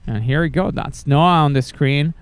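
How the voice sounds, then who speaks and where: A male race commentator with a high voice that sounds very crisp and clear. He talks in an eager, chatty way, often restarting his sentences and leaning on fillers. The sound is close and dry, with no room around it. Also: moderate pace, a little mellow, no echo. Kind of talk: live sports commentary.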